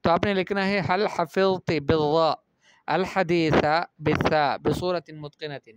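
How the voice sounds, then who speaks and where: Man teaching Arabic pronunciation, smooth voice. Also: on the high side, fairly even intonation, no echo. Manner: reads Arabic phrases then explains them. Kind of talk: classroom lesson explaining Arabic pronunciation in Urdu.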